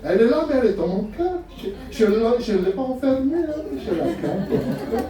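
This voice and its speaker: A man's voice: very high-pitched, very animated, fairly quick, a crowd in the background. A middle-aged man from France preaching a sermon as pastor, humorous and full of rhetorical questions. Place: church hall. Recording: very echoey hall, voice from far off.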